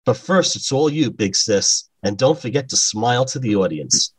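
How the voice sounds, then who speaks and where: A man's voice: mid-range voice, big pitch swings, moderate pace, slightly rough, no echo. A man voicing a young woman who teases her big sister sarcastically. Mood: teasing. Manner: teasing, sarcastic.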